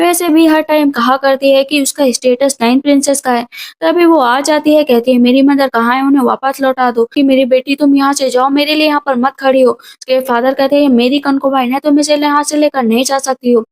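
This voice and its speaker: A woman's voice: high voice, steady tone, brisk. A woman narrating a drama recap in a casual, running storytelling way. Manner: retells scenes in a running, conversational way.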